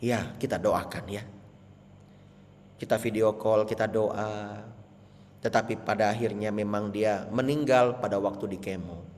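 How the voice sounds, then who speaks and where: A male pastor preaching a sermon, swinging from soft, low asides to loud, high exhortations. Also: steady tone, measured pace, in a large hall, a little hiss or hum. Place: church hall, over an online meeting.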